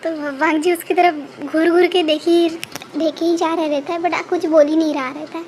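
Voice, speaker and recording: A woman narrating her own fan fiction in a casual, unpolished way, often stopping to restart a phrase. Her voice is very high, and a faint hiss sits under the recording. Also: flat delivery, a little mellow, low-quality recording. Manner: halting, repeats and corrects herself. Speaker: storyteller. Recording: faint background noise.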